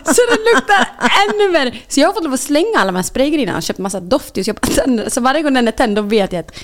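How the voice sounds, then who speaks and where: A woman with a Swedish accent co-hosting a podcast, chatting casually and mixing in English phrases. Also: high voice. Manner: lively, mixes in English phrases. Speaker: podcast co-host. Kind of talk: casual chat.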